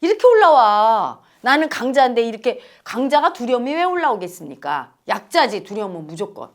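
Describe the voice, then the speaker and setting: Lively, high-voiced woman teacher. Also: a little fast. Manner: lively, acts out quoted voices, asks the audience questions. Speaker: spiritual teacher. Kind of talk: dharma talk.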